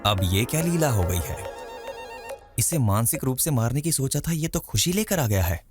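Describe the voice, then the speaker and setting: A man voicing a scheming, smug holy man villain in a dubbed film, speaking in slow, mocking pronouncements. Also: mid-range voice, very animated, darkish tone, slightly rough, no echo, soft background music. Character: scheming middle-aged male godman, smug and vengeful. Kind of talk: Hindi film dub.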